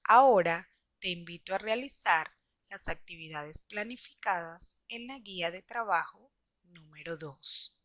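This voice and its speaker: A woman teacher reading a scripted lesson for schoolchildren, explaining slowly and deliberately. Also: on the low side, expressive, fairly bright tone, no room sound. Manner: slow, deliberate explaining to children.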